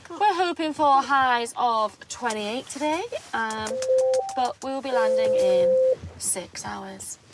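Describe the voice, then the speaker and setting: A woman's voice: a little high, slow pace. A woman doing a playful impression of an airline pilot giving a cabin announcement, in a mock-formal announcer tone. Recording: loud vehicle engine noise.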